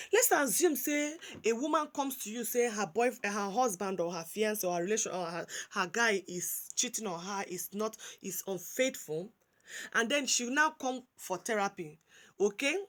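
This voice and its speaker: Casual and animated, the commentary from this Nigerian vlogger comes in a high voice. She mixes English with Pidgin, frequently starting over and repeating herself.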